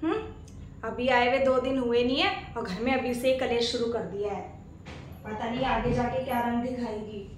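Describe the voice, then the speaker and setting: A woman's voice: high-pitched, fairly even intonation, measured pace, pushed and bright, reverberant, slight background noise. A woman playing a domineering middle-aged mother-in-law in a family skit drama, scolding and commanding.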